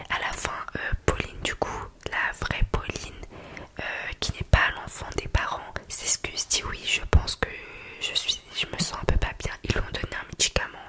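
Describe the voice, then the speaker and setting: A woman telling a story in a soft, breathy library whisper, ASMR style, in an informal and hesitant conversational manner. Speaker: ASMR video creator.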